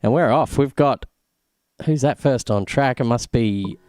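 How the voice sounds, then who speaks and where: A man's voice: mid-range voice, measured pace, a little mellow, no room sound, clean studio sound. A man hosting live race commentary in a conversational, colloquial manner. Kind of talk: live sim racing commentary.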